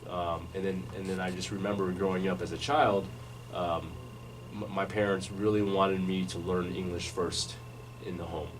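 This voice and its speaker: A deep-voiced man, a guest on a radio interview, tells his life story in a relaxed, measured way, often restarting sentences and using fillers. Though he's in a studio, the mic catches him from a distance, with constant hiss underneath.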